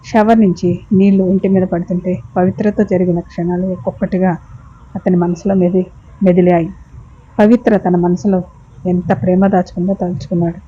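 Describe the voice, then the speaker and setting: Husky dark-voiced woman storyteller. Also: on the low side, moderate pace. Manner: steady, dramatic storytelling. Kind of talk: scripted story narration. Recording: muffled lo-fi recording.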